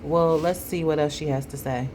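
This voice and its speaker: A woman's voice: low-pitched, fairly even intonation, moderate pace. A woman giving spoken commentary on a video in a critical, opinionated manner. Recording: noticeable background noise.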